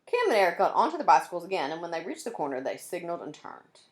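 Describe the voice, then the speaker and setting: In a lowish voice with big swings in pitch, a woman teacher reads a children's chapter book very fast. Along the way she speaks directly to her young listeners with friendly remarks.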